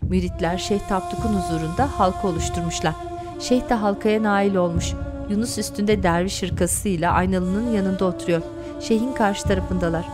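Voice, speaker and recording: A woman's voice: medium pitch, moderate pace. A woman giving scripted audio description narration of the action in a drama. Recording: drama music behind narration.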